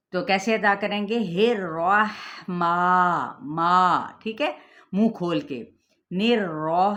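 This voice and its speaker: Woman recitation teacher, lower pitch, patient, draws out sounds to demonstrate. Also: a bit bright. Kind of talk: tajweed lesson.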